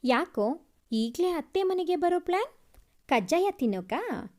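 Cheeky teasing young girl woman doing the voice, high voice, storybook. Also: sing-song, measured pace, darkish tone, heavily acted.

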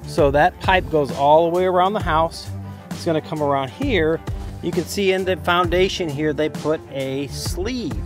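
A man in his fifties with a fairly high voice hosts a vlog about his home build, speaking at a moderate pace over soft background music. He gives a casual, plain-spoken walkthrough outdoors at a concrete foundation site, filmed on a handheld camera at arm's length.

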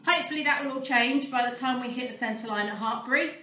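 A woman's voice: high-pitched, fast, sharp tone, echoey room, far from the mic, a little hiss or hum, poor audio. A woman filming a casual vlog about starting to exercise, a little out of breath and self-deprecating, with many ums. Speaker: vlogger documenting a fitness start. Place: barn, indoors.

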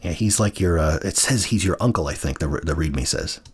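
A man's voice: low-pitched, normal speed, slightly rough. An American man in his thirties, hosting a casual let's-play, rambling, correcting himself and chuckling as he plays. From United States. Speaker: gaming channel host.

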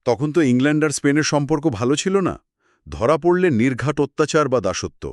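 A man's voice: on the high side, very animated, fast talker, dry recording, studio quality. A man co-hosting a scripted history conversation, explaining in short clauses and asking musing questions. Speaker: co-host. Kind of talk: scripted two-host history chat.

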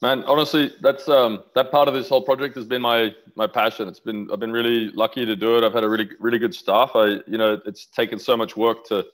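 A middle-aged aquaculture researcher, a guest in a casual video-call interview, talks enthusiastically from his home office through a headset. His mid-range voice is level and a little fast, with hardly any pauses, and the recording is rough. He rambles about his research and restarts often.

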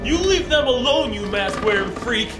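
Man as brash teen bully, mocking, fairly high voice, music behind. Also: lively intonation, normal speed. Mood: defiant. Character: cocky teen boy bully.

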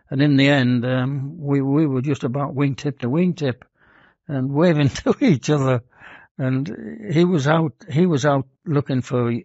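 An elderly man recalls wartime patrols in a mellow, dark voice, pausing often with ums and uhs. The recording is dry and a little dull, lacking top end. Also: mid-range voice, dry recording. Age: older. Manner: hesitant, many "um" and "uh", gentle. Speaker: wartime flying boat crewman recalling service. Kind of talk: reminiscing interview.

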